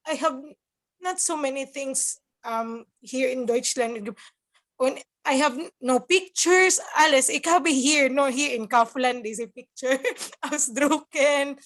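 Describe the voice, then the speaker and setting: Speaking slowly in a high, fairly bright voice, this nurse from the Philippines chats casually in an interview, switching between German and English. Cebuano is her native tongue, and her Filipino accent shows. She laughs frequently and pauses to search for words.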